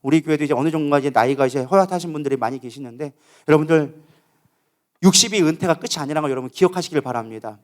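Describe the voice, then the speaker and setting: High-voiced, fast-preaching pastor. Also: male voice. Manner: emphatic, acts out inner voices with rising pitch; asks the congregation questions. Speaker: co-lead pastor. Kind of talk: sermon at a prayer meeting.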